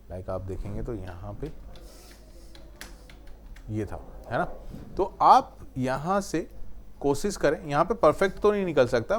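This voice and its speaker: A man's voice: mid-range voice, slight background noise. A man teaching video editing in a screen-recorded tutorial, explaining step by step, mixing in English technical terms and often checking in with "right?". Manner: explains step by step, often adds the tag question "है ना".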